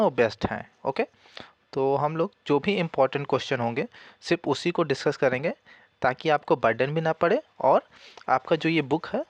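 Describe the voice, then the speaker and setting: A man's voice: a little high, dry recording. A man giving a casual spoken exam-prep lesson, asking questions and answering them himself, and repeating key points. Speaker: exam coaching teacher.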